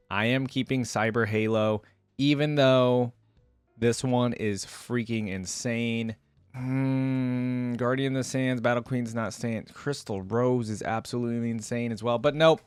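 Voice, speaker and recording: A reaction video creator with a mid-range voice does casual commentary and reads aloud, talking to viewers in an enthusiastic, slangy, chatty way. The recording is dry.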